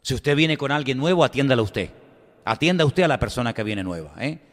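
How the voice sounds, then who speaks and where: Pastor telling a story in a sermon, goes loud then quiet, big echoey church hall. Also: male voice, expressive, a little fast. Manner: conversational storytelling, swings between loud emphatic and low asides. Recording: long hall reverb.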